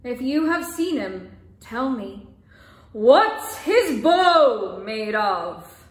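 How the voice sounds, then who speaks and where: A woman voicing a wise, gentle woman who questions softly, the sister of a spirit. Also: fairly high pitch, big pitch swings, very slow, roomy sound, exaggerated voice.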